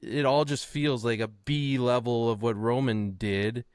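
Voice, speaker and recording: A man's voice: mid-range voice, fairly even intonation, a little slow, darkish tone, smooth, dry recording, studio quality. A man co-hosting a wrestling podcast in casual chat, building points by repeating phrases. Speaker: podcast co-host.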